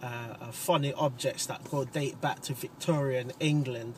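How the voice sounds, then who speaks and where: A man's voice: medium pitch, fairly even intonation, normal speed. A man chatting casually from the passenger seat of a car, rambling with plenty of fillers and restarts. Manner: rambling, hesitant, with many fillers. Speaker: comedy co-host, passenger. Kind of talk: casual chat. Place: inside a car driving through city streets. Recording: distant mic with loud traffic noise.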